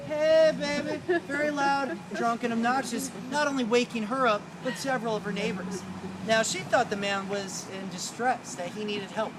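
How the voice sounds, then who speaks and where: A man working as a ghost tour guide, telling stories theatrically to a live group in a colloquial, wry way. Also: high voice. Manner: colloquial, wry, acts out dialogue. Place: outdoors on a city street. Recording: outdoor street noise with traffic.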